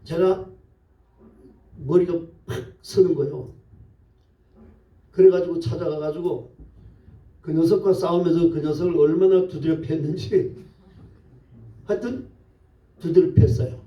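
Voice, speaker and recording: A male pastor preaching a sermon in a church, telling stories lively and asking the congregation questions. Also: a little high, measured pace, long pauses, lo-fi sound. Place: church sanctuary. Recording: echoey church, voice from far off the mic.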